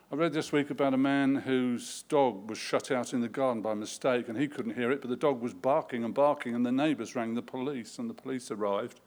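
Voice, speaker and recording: Preacher telling lively stories. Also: male voice, mid-range voice. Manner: lively, dramatic storytelling with vivid repetition. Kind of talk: sermon with storytelling.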